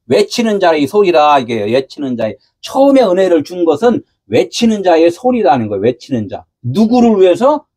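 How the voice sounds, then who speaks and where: A husky-voiced man preaches a sermon in a high, restless voice. His pitch swings up and down as he fires questions at his listeners and answers them himself. At times he lifts his voice to a preacher's shout. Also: very animated, normal speed, hardly any pauses. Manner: asks the congregation rhetorical questions and answers them. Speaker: pastor.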